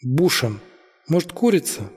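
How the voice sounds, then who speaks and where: A man voicing a cheeky young man who jokes around, in a husky voice with long reverb. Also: a little high, big pitch swings, measured pace, a little mellow, heavily acted. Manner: jokey, playful.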